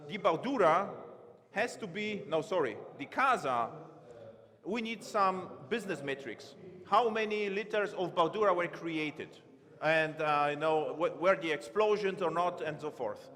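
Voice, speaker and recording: On a large conference stage, with the long reverb of a big hall, a man live-codes while talking, halting and correcting himself as he types and thinks aloud. His voice is a little high and a bit bright, and Romanian is not his first language.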